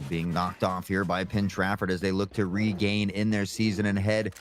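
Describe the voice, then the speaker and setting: A man doing esports caster play-by-play, calling game action in punchy, excitable bursts. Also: sits low, normal speed, a little hiss or hum.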